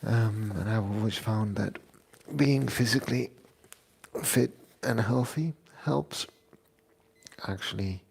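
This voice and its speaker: Slow, gravelly man in his forties. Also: fairly low pitch, darkish tone, a little hiss or hum. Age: 40s. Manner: unhurried, reflective, pauses with fillers. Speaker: fitness vlogger. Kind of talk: casual chat. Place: home kitchen.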